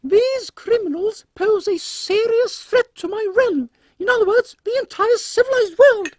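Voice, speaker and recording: A man acts out an imperious British queen in a steampunk audio comedy. The voice is extremely high, measured and condescending, with dry regal wit. It is recorded close and dry, with no room sound. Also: a little mellow, no room sound. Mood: regal, grave. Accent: British English. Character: imperious, drily witty middle-aged Queen Victoria.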